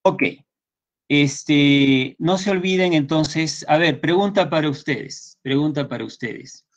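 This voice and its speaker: A man's voice: a little high, slow pace. A man teaching English in an online class, with a Peruvian Spanish accent, patiently repeating points and checking that students follow. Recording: slightly dull lo-fi sound.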